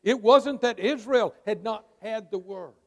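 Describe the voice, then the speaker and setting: A male pastor delivers a sermon with high, ringing tones. He leans on words and holds dramatic pauses. His voice trails off into the long reverb of a large church hall. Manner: emphatic preaching with dramatic pauses. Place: church sanctuary.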